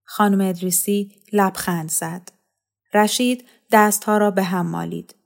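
A woman narrating a novel aloud, lifting her voice a little for the characters' lines, with soft music underneath. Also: medium pitch, fairly even intonation, creaky. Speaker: audiobook narrator. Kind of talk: scripted novel reading.

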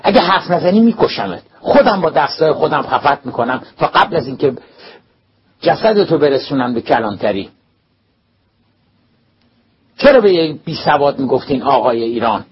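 A man's voice: medium pitch, steady tone, long pauses, husky, voice pushed up. A man doing a furious bellowing school principal. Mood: furious shouting. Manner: shouting, scolding, threatening. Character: furious middle-aged male school principal. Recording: dull lo-fi recording, faint hiss.

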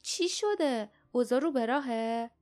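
A woman's voice: on the high side, lively intonation, a little mellow, faint music behind, close to an everyday voice. A woman reading an uneasy wild girl. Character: wild young girl, anxious and caring. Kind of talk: audiobook character reading.

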